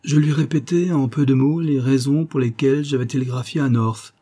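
A man narrating a literary story in the first person for an audiobook, in a measured, steady manner. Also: mid-range voice, slightly rough.

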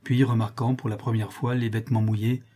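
A man reading a classic novel aloud as an audiobook narrator, in steady, measured storytelling. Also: medium pitch, breathy edge.

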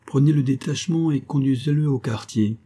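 A man's voice: medium pitch, fairly quick, dark tone, husky, voice pushed up, lightly acted. A man reading an audiobook, voicing a bold musketeer officer who speaks brusquely and mockingly in short commands. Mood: curt, commanding. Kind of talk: audiobook character voice.

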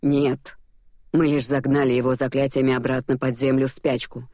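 A woman doing a cold, calm male regent. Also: very deep voice, moderate pace.

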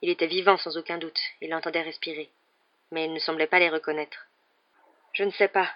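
An audiobook narrator reads a novel in a steady, dramatic manner. The voice is mid-pitched. The recording sounds slightly dull. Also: quick pace.

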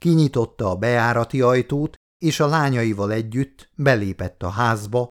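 In a calm, measured reading voice, a man narrates an audiobook from a script. His voice sits in the mid range.

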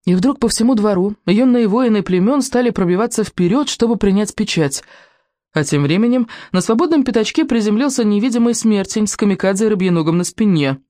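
A woman narrates a children's fantasy audiobook with lively, expressive storytelling. Her voice is of middle pitch and sounds dry and close to the mic. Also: fairly quick, dry recording.

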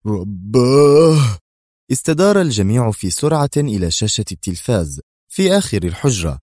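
A man narrating a spy novel in a measured, dramatic reading. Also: lowish voice, mellow, dry recording, clean studio sound. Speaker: audiobook narrator.

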